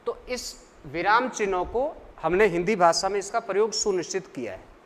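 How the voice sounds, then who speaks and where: A man teaching a lesson, asking the class questions and answering them himself in a slow, deliberate way. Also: high voice, a bit bright, big-room sound. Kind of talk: classroom lecture.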